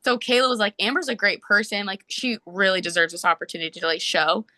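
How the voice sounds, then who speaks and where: Bright-voiced young woman telling a story. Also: mid-range voice, dry recording. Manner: animated, fast storytelling with many "like"s. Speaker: podcast guest, soccer player. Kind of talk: casual storytelling.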